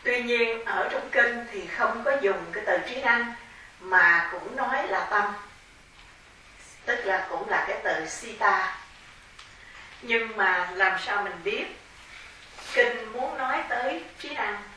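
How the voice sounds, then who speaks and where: A Buddhist nun's bright, clear voice rings out in a large, strongly echoing temple hall, caught from a distant mic. She explains things slowly and methodically, like a teacher, and a faint hiss sits underneath. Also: medium pitch. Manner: measured, explanatory, spelling out terms. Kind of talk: dharma lecture.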